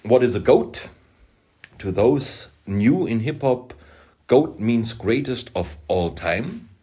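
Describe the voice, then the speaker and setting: A man from Austria with an Austrian German accent, a German speaker, making an emphatic vlog monologue about hip-hop, halting with self-deprecating asides. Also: mid-range voice, lively intonation, dark tone. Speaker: music producer and rapper.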